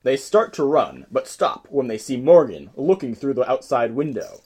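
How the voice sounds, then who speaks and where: Man reading stage directions, lively. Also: medium pitch, normal speed, breathy edge. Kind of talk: script table read.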